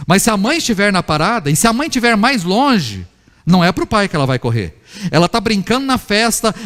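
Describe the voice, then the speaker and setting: Man preaching with high voice in reverberant hall. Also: fairly bright tone. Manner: conversational preaching with rhetorical questions and acted-out family scenes. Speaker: pastor. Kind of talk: sermon. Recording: church hall with long reverb.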